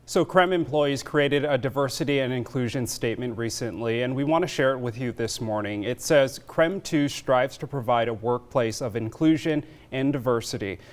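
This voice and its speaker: Man, news anchor, scripted narration, measured, earnest. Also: medium pitch. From United States.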